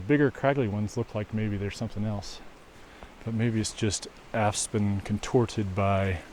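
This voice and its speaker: A man walking a snowy trail outdoors and chatting casually to his viewers, relaxed and musing, with a mic on the camera. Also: fairly low pitch. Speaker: walking video host. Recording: outdoor recording with stream noise.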